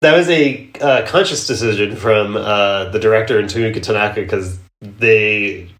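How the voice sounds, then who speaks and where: A man's voice: lowish voice, normal speed, a bit bright. A man hosting a podcast in casual chat, rambling with lots of "like" and laughing often. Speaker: podcast host. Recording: echoey room.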